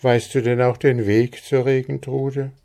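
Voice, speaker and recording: A man's voice: mid-range voice, level tone, measured pace, warm tone, pitched above the performer's own voice, lightly acted. A man doing an anxious old widow. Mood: urgent.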